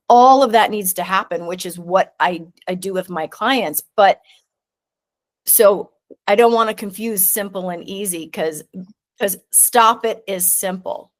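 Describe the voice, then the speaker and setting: A middle-aged woman talking as a podcast guest in casual conversation, animated and quick to act out little voices. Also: medium pitch. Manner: animated, acts out voices in anecdotes, swears casually. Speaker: guest, neurosculpting teacher.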